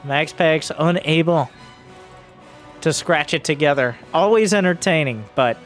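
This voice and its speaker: A man's voice: on the high side, unhurried. A man giving live play-by-play commentary on a video game match, exclaiming animatedly as play turns. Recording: music behind the voice. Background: music.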